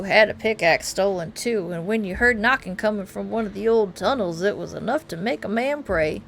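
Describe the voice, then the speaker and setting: A woman's voice: mid-range voice, fairly bright tone. A woman voicing a blunt, superstitious old-timer miner in a video game, with a rural Southern drawl. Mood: grumbling.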